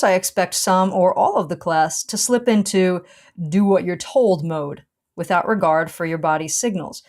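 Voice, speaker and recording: A woman yoga teacher reading her own blog post aloud, with a punchy, sarcastic delivery and sudden lifts in pitch. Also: darkish tone.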